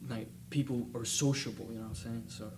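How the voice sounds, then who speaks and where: A young man talking in a casual student discussion, halting, with many fillers and restarts. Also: medium pitch, steady tone. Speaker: student panelist. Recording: distant mic with noticeable hiss.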